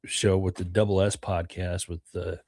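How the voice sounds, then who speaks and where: A middle-aged American man, congested from a cold, hosts a podcast livestream in a rambling chat full of fillers and repeated words. His voice is low, level, creaky and a little mellow, at normal speed. The recording is dry, with clean studio sound.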